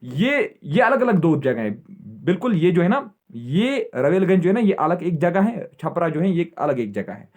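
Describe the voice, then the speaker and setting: High-voiced man teaching a geography class. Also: very animated, moderate pace, a little mellow. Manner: repetitive, checks in with "theek hai" constantly; quizzes students and answers himself. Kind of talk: exam-prep lecture.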